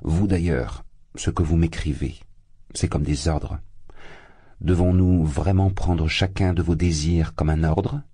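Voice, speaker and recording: An older mother defending her daughter, reproachful and quick to flare up, as a man reads her. The voice is low, husky and dark. It sits close and dry. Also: fairly even intonation, dry recording. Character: worried older mother, protective and indignant.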